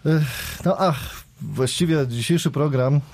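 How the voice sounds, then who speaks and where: A man's voice: on the high side, slow pace, a little mellow. A man moderating a political panel discussion, introducing guests and posing questions, often hesitating with fillers. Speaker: talk show moderator.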